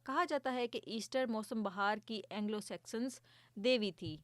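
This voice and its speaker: A woman voicing a patient mother who gently explains things to her sons in a storybook. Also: a little high, no echo, close to an everyday voice. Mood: explaining.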